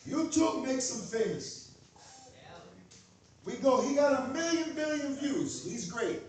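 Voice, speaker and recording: A man from Queens with a Queens New York accent, delivering an animated, profane comedic rant in punchy, repeated phrases and rhetorical questions. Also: very high voice, takes it slowly. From Queens, New York, USA. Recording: very echoey room, distant mic.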